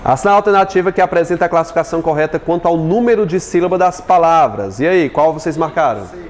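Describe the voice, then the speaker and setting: A man with a Brazilian Portuguese accent teaching an exam-prep lesson, chatty and joking, stretching words out slowly as he splits syllables. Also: fairly high pitch, slight background noise. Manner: chatty, jokes with students, spells words out slowly.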